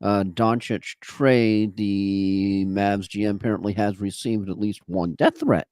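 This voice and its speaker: A man with a fairly low voice co-hosting a sports podcast. He chats casually and slips in teasing, sarcastic asides. The sound is dry and close. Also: a little slow, a little mellow, smooth, no room sound. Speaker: podcast co-host.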